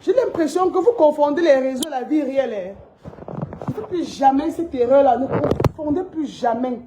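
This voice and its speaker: A woman's voice: sits high, expressive, moderate pace, noisy background. A woman, a shop owner giving a heated social media rant, talking straight to her followers in an emphatic, repetitive, confrontational way. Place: inside her shop, indoors. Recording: roomy shop with faint background ambience.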